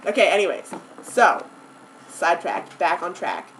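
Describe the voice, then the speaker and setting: A woman's voice: on the low side, lively intonation, a little slow, a bit bright, a little hiss or hum, rough recording. Giggly rambling young woman. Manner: giggly, easily sidetracked, lots of "like" and "anyways". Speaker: vlogger. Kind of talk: casual rambling story to a friend. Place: indoor room with friends. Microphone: camera.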